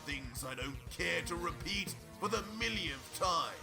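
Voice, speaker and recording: A man's voice: fairly high pitch, lively intonation, unhurried, creaky. A man voicing a cocky, sarcastic adult fusion warrior in a fan-made story video, with music playing behind. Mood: scornful. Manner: mocking, sneering, scornful laughs. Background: background music from the played video.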